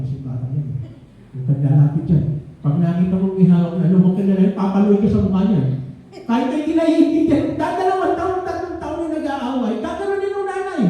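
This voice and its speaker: A man's voice: very high-pitched, dark tone. Older man preaching in an echoey hall. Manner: conversational preaching with frequent "No?" asides. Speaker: pastor. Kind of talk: sermon. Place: church hall. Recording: echoey room from a distance.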